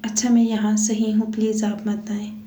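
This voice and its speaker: A woman's voice: medium pitch, completely flat delivery, moderate pace, dark tone, natural voice. A woman voicing a frightened young wife who pleads timidly. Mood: pleading. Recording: echoey room.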